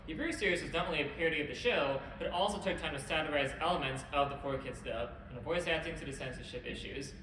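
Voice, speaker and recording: A man with a slightly high voice speeds through a convention panel talk, brisk and wry. He is picked up from a distance in a large echoey room with a steady hum behind him. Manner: brisk, wry, occasional self-corrections. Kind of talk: presenting a history talk. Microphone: camera at a distance. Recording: echoey hall, distant camera, background hum.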